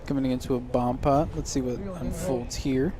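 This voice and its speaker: A man calls a live poker stream from the booth, his voice sitting at an ordinary middle pitch. He talks in a loose, chatty way, working out the hands as he goes. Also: level tone, normal speed, a crowd in the background. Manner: chatty, thinks aloud while reading hands. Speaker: poker commentator.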